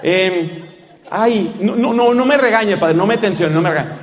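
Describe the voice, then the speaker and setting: A man's voice: high voice, unhurried, big-room sound. A man voicing a flustered bride who fumbles while trying to confess in a rush. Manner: fretful, fumbling.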